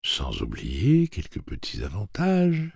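A man's voice: medium pitch, lively intonation, measured pace, gravelly, breathy edge, no echo, studio quality, voice pushed up, heavily acted. A man voicing a prissy, condescending male robot with a suave, slightly effeminate manner, read as an audiobook character voice.

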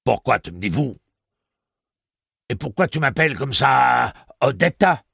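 A man voicing a furious, scornful woman in an audiobook, taunting and threatening in a shrill voice. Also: big pitch swings, measured pace, vocal fry, fairly bright tone, husky, no echo, clean studio sound, exaggerated voice. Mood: shrill anger.

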